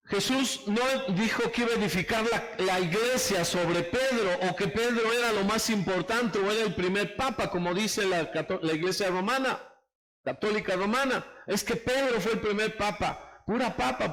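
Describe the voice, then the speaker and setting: A pastor preaching an emphatic sermon, calling on the congregation to raise hands and repeat phrases after him. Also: male voice, high-pitched, a bit bright, poor audio.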